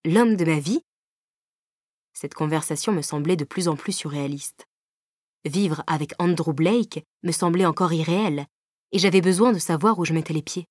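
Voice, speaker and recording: A woman reading a novel aloud in the first person, measured and even, at a close microphone. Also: low-pitched, no echo. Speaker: audiobook narrator. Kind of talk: scripted audiobook narration. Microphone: close studio microphone.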